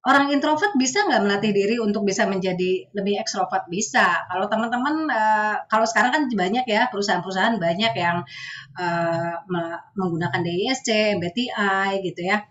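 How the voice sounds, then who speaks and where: A woman giving a webinar talk as a guest speaker on counseling. She explains patiently and often adds soft tag phrases at the ends of her sentences. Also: medium pitch, brisk, dull audio.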